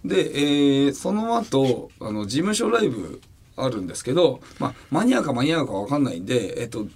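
A man co-hosting a casual radio talk show, telling a story and teasing his comedy partner, getting loud and laughing as he goes. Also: medium pitch, sing-song, fairly quick, slightly rough. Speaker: comedy duo member, radio host.

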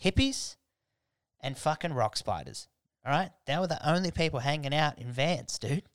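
A man's voice: on the high side, animated, normal speed, no room sound. Blokey Australian man, clean close dry sound. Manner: blokey, irreverent, heavy swearing and slang. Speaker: podcast host. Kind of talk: casual comedic monologue.

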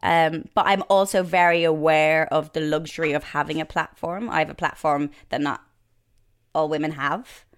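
A presenter and author in her thirties, this Irish-accented woman chats casually as an interview guest, with plenty of fillers and restarts. Her voice sits low and sounds clear and resonant, with fairly even intonation and a normal speed.

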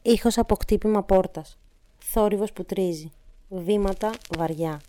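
A woman co-hosting a true crime podcast, reading a transcript in a plain, even way. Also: medium pitch, no room sound. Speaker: podcast host.

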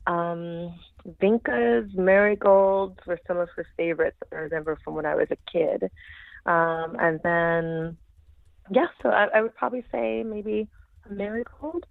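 A woman with a New York City accent speaks in a lowish voice over a thin, phone-like line. She drops her T's and word endings as she chats casually in an interview. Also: a little slow, creaky, no room sound. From New York City, Lower East Side of Manhattan. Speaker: podcast guest, farm school director.

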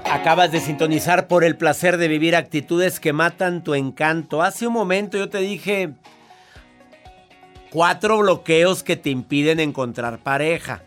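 A man's voice: fairly high pitch, a little slow, fairly bright tone, soft background music. A man hosting a radio advice show, teasing listeners in a playful, joking way. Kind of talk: casual radio talk.

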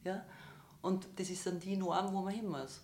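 A woman's voice: mid-range voice, steady tone, moderate pace, a little mellow, slight background noise. A woman, a therapist guest explaining her views earnestly in an interview, building her points through examples. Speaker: psychotherapist or psychiatrist guest.

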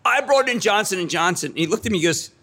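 A middle-aged man being interviewed, talking in an excitable rush and repeating key phrases for effect. His voice sits high and bright and leaps up and down through a lively range. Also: quick pace. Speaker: guest. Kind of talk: animated storytelling in conversation.

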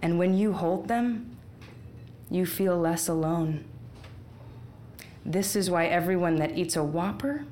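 A woman telling a personal story aloud, with wry, unhurried delivery and deadpan asides. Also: lowish voice, slight background noise. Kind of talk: live storytelling performance.

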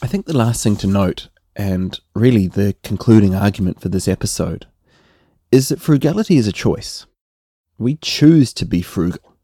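A middle-aged man with a New Zealand accent, hosting a relaxed solo podcast and often tagging his points with "right?". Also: fairly low pitch, moderate pace, no echo, studio quality. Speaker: podcast host.

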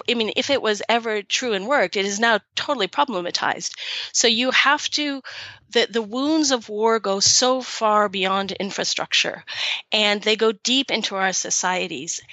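A middle-aged woman with an American accent talks earnestly and with emphasis, often restarting her sentences. Her voice is bright and tense. The recording is dry and a little dull. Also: medium pitch, dry recording. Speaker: guest, activist. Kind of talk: interview conversation.

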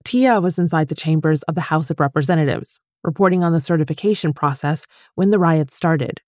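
A woman host giving scripted narration for a news podcast, measured and clear. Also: deep voice, a little mellow, no room sound, studio quality.

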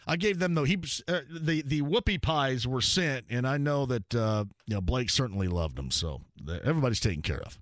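A man's voice: mid-range voice, animated, a little fast, few pauses, no echo, clean studio sound. A man hosting a call-in sports radio show, chatting and joking with callers and laughing often.

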